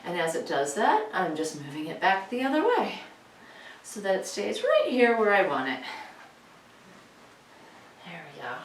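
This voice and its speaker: Upbeat woman trainer with an animated, chatty delivery, recorded at a distance in a room at home. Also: mid-range voice, slight background noise. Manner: chatty and playful, cueing moves in a sing-song voice. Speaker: fitness instructor. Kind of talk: home workout instruction. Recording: echoey room, voice from far off.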